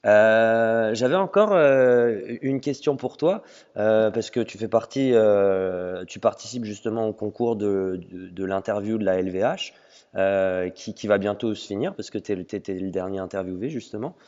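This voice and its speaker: A man with a lowish, darkish voice hosts a casual interview over an audio call, speaking at normal speed. He asks questions with frequent hesitation sounds, and the lo-fi audio carries a long reverb.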